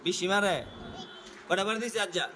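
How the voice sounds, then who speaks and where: An adult gently questions, teases and soothes a crying child in casual chat. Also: mid-range voice, fast, slight background noise.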